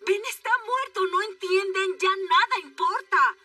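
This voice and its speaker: A woman dubbing an assertive company representative in a film, speaking in a sharp, commanding way. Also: sits high, sing-song, moderate pace, recorded from a distance, soft background music, exaggerated voice. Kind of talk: dubbed film dialogue.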